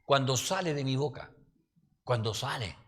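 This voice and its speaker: Pastor with a Chilean accent, homely anecdotal Bible teaching, mid-pitched voice, long hall reverb. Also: male voice, animated, moderate pace. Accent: Chilean Spanish. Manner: folksy, anecdotal, asks listeners "¿ya?". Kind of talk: conversational Bible-study sermon.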